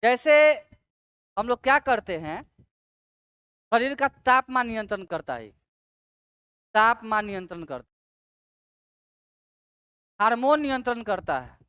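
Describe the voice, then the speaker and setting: A woman lectures on exam-prep science in a fairly high, smooth and resonant voice. The sound is dry and close. She drags out key terms syllable by syllable and asks her students rhetorical questions to check they follow. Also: very animated, a little slow, pauses often, a bit bright, no echo. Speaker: teacher.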